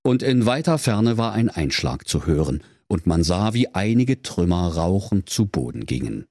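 A man's voice: low voice, very animated, normal speed, a little mellow, dry recording, studio quality. A man narrating a comic fairy tale in a mock-solemn storytelling manner. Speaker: podcast host and narrator.

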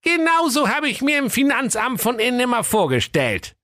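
A man voicing a naive, fearless young man in a comic radio fairy tale, with a squeaky, sing-song voice. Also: huge pitch swings, normal speed, fairly bright tone, no room sound, studio quality, heavily acted. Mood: bold.

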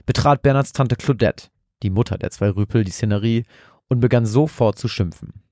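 A man reading a scripted horror story in a measured, dramatic way. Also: medium pitch, darkish tone, no room sound, studio quality.

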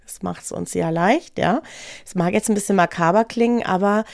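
A woman with a mid-range voice talks in a dry, close recording. She co-hosts a chat podcast in a lively, chatty way, laughing often and ending thoughts with quick tag questions. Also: mid-range voice, vocal fry, no room sound. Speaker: podcast co-host. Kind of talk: casual chat.

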